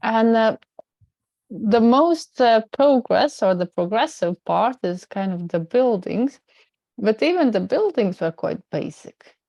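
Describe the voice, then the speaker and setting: A woman's voice: a little high, big pitch swings, slow, gravelly, mellow, dry recording, highs cut off. A woman moderating a conference panel, asking questions hesitantly with many fillers.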